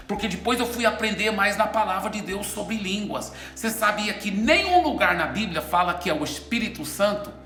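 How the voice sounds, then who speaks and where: A man preaching and teaching with a glass of water as an object lesson, animated and often checking in with his listeners. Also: high-pitched. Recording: echoey room with soft music.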